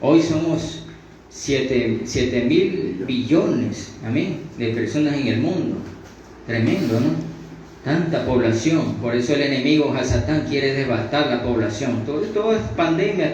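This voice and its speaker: Animated and darkish in tone, this medium-pitched male preacher speaks with a Latin American Spanish accent as he teaches scripture off the cuff. His phrases are repetitive, broken by halting restarts and capped with "amen." The recording is dull and faintly noisy, made from afar in a very echoey space.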